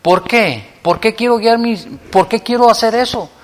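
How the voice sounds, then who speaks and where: A man, preaching a sermon as pastor, moving between loud appeals and hushed prayer. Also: high voice, moderate pace, in a large hall.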